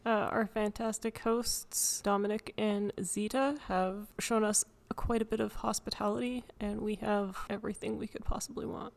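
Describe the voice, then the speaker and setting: A woman's voice: mid-range voice, fairly even intonation, normal speed, gravelly, few pauses. A woman co-hosting a podcast, chatting casually inside a church. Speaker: podcast co-host. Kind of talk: casual chat.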